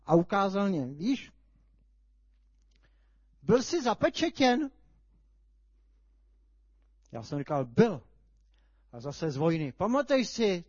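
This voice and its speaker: A man preaching a sermon, telling a vivid story with sudden loud outbursts. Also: sits high, dry recording. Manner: animated storytelling, sudden shouts. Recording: dull lo-fi sound.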